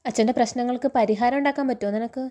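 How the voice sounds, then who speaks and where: A woman reading the lines of a stern father who scolds and teases his daughters, in a steady recounting tone. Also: fairly high pitch, racing, close to an everyday voice. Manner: stern, threatening.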